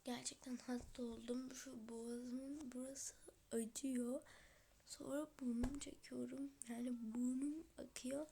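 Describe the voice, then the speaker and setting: High, hoarse woman vlogging from home. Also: level tone, slow pace, mellow, a little hiss or hum. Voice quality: breathy, half-whispered. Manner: chatty, talks straight to viewers. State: hoarse from a cold. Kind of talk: casual home vlog. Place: at home, indoors. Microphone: phone camera.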